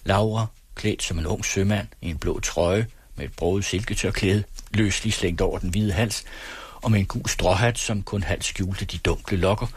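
A man reading a first-person literary story aloud in a measured way. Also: low-pitched, slightly rough, dry recording. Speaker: audiobook reader.

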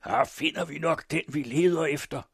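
A man's voice: on the low side, gravelly, breathy edge, dry recording, studio quality. A man doing a fierce, jeering accuser. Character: vengeful shouting male farmhand accuser. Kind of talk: audiobook reading.

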